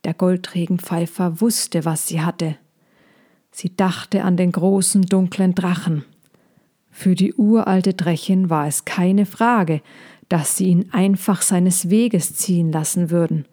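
A woman reading a children's story aloud in a calm, unhurried manner. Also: fairly low pitch.

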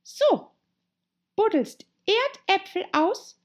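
Woman voicing a shrill scolding rabbit. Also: very animated, moderate pace, full character voice. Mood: irritated. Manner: shrill, scolding, shouting commands. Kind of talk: audiobook character voice.

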